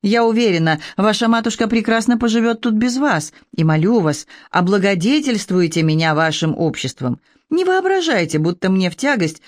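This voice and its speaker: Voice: mid-range voice, lively intonation, normal speed, hardly any pauses, no room sound, clean studio sound, natural voice. An audiobook reader voicing a chatty, insistent older matron who presses an invitation. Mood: gushing. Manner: gushing, insistent.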